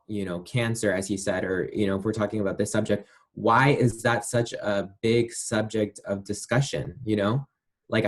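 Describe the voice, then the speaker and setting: Guy answering interview questions, lowish voice, lots of um and you know, careful. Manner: thoughtful, hedging, many fillers and "you know". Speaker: interview guest.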